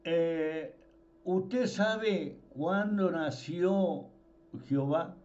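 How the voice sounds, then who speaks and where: Slow, emphatic preacher with a high voice. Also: male voice, a little mellow. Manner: slow, emphatic, repeats words for stress. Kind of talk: informal sermon. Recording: dull lo-fi sound.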